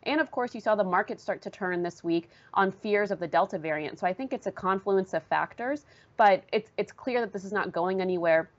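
A woman reporter giving fluent, measured news analysis in an interview. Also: medium pitch, lo-fi sound. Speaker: newspaper reporter guest.

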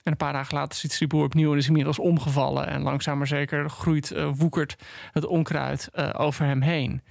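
Gravelly, halting male book critic. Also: on the high side, level tone, darkish tone, no room sound, studio quality. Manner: halting, full of restarts and ums. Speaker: podcast co-host. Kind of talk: casual book discussion. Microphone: studio microphone.

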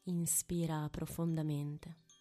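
A woman guides a meditation very slowly, speaking softly as if right in your ear. Her voice is mellow and on the low side. She leaves long pauses between short, intimate phrases. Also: little pitch movement, faint music behind. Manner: hushed, intimate, close to the ear. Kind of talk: guided meditation, slow and soothing.

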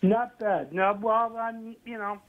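A man's voice: high voice, fairly even intonation, takes it slowly. A man from Toronto calling in to a radio talk show over the telephone, speaking bluntly and bitterly. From Toronto, Canada. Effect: heard over a phone line. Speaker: radio phone-in caller. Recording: tinny telephone line.

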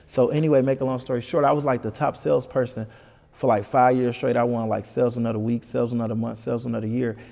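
A man telling a story as an interview guest, animated and full of "you know what I'm saying.". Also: mid-range voice, fast, creaky, in a large hall. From Detroit. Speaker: comedian guest.

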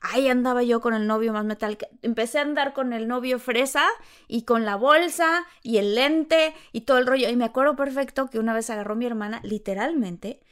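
A Mexican woman talks casually about her own life, telling stories in an animated, self-reflective way. Her voice sits a little high for a woman, and she shifts easily between anecdote and reflection. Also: brisk, clean tone. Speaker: actress sharing her experience. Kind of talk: casual conversation.

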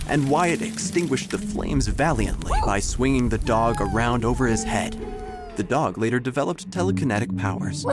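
A man with a lowish voice plays an eccentric small-town obituary writer, narrating an audio drama in a solemn, deadpan, theatrical style.

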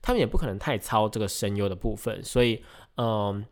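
A man's voice: fairly low pitch, a little fast. A man hosting a podcast, explaining things in a casual, rambling way with frequent hesitations and self-corrections. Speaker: podcast host.

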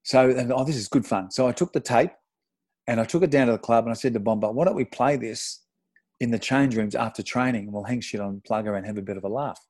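A middle-aged Australian man, a former footballer, telling an animated, sweary anecdote with self-deprecating laughs in casual podcast chat. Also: medium pitch, fast, no room sound. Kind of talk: casual storytelling.

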